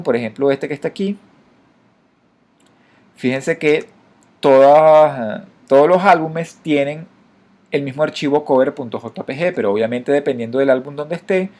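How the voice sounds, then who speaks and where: A man walking through his own code in a screen-recorded programming lesson, talking to viewers directly and pausing on fillers. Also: medium pitch, a little mellow. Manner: explanatory, frequent fillers and restarts, addresses viewers directly. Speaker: programming instructor. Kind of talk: screen-recorded coding tutorial.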